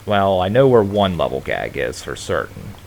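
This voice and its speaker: Lowish man rambling over a game. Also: sing-song, moderate pace, creaky. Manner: rambling, offhand, thinking aloud. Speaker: let's play host. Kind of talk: casual gameplay commentary. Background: game music.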